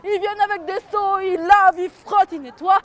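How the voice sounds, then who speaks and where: A woman's voice: very high voice, brisk. A woman storyteller telling a folk tale to children and getting them to join in. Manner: lively, gets the audience to join in.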